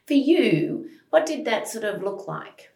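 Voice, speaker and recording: A woman's voice: on the high side, sing-song, unhurried, creaky, darkish tone, roomy sound. A woman hosting a podcast interview, asking conversational questions. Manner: scripted intro then conversational questions. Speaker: podcast host.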